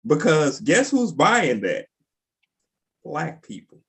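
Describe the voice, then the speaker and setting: A man's voice: a little high, very animated, takes it slowly, slightly rough. A man co-hosting a casual podcast, blunt and insistent, repeating his points. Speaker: podcast co-host.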